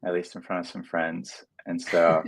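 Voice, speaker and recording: A man, a musician guest on a livestream interview over a video call, speaking softly and hesitantly with many fillers. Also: low-pitched, monotone, normal speed, vocal fry, rough recording.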